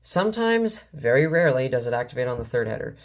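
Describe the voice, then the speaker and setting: A man shows off his weather radios and scanners in a casual, rambling vlog-style showcase, an enthusiastic collector who often stumbles over his words. His medium-pitched voice is very animated and quick.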